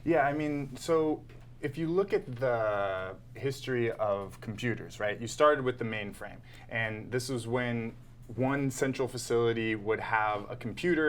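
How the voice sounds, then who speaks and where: A man appearing as a guest on a live web show, calmly explaining his company's product in an explanatory pitch. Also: moderate pace, slight background noise. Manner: composed, explanatory pitch delivery. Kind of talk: explaining to an interviewer.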